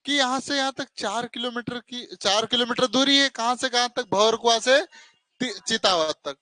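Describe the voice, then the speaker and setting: A man's voice: very high voice, normal speed, sharp tone, no echo, poor audio. A man teaching a math class. He talks sternly, calls his students "beta", and keeps asking "hai na?". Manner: stern, scolding, calls students 'beta', asks 'hai na?'. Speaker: coaching teacher. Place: classroom with students and online viewers.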